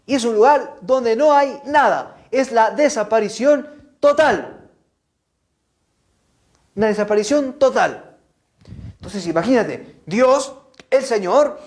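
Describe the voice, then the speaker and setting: A man with a Peruvian Spanish accent gives a children's religious lesson in an animated storytelling way, often adding "¿no?" and restarting his words. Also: sits high. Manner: animated storytelling, frequent "¿no?" and "¿ah?" tags. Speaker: catechist. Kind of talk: children's catechesis talk.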